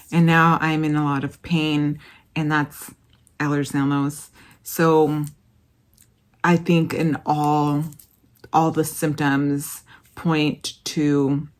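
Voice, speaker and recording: A woman talking to camera in a casual vlog, soft, tired and halting, with pauses between phrases. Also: low voice. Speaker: vlogger.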